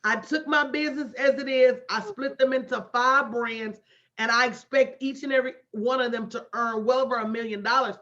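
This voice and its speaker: A motivational business coach in her late 40s speaks fairly quickly in a fairly high, slightly bright voice with a steady tone. On her livestream she addresses the online audience directly and folksily, repeating herself emphatically like a preacher. Expect dull, lo-fi audio.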